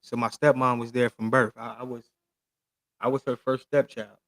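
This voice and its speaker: A man's voice: medium pitch, level tone, normal speed, a bit bright, no room sound. A man in his late thirties in casual podcast chat, talking in loose, slangy, emphatic stories. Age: 30s. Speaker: podcast host.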